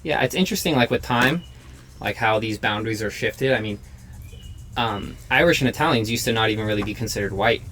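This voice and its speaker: This easygoing young host and portrait artist has a low-pitched, slightly bright voice and chats fairly quickly while he draws, filling his talk with "like." Faint noise runs through the home recording.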